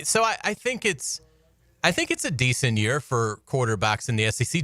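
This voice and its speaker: Bright-voiced American sports co-host, male. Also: lowish voice, no echo. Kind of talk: casual sports analysis.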